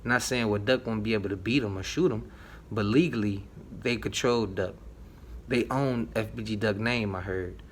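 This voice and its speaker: A man with a fairly low voice talks through a face mask, which slightly muffles him. He gives casual, emphatic opinion commentary in a slangy way. Noise is audible behind him in the office. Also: normal speed. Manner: slangy, emphatic, repeating appeals to listen. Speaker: YouTube news commentator. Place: office, indoors. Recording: clear background noise.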